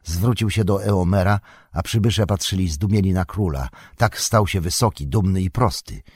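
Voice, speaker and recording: Male audiobook narrator, low and husky, measured, dry booth. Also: dry recording. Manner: steady, measured storytelling.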